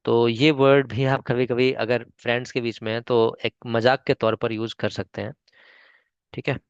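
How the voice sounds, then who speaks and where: This online spoken-English teacher, a man with an Indian accent, has a medium, resonant voice with little pitch movement and a normal pace. He patiently spells words syllable by syllable and keeps asking "ठीक है?" to check on students. The audio is clear but muffled, with no room sound.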